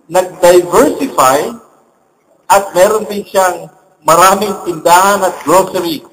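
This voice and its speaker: A man's voice: sits high, slow, a bit bright. A man preaching as a priest, telling humorous stories in a sermon in a large church. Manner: humorous storytelling with jokes. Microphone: recorded from among the congregation. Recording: distant church recording, faint hum.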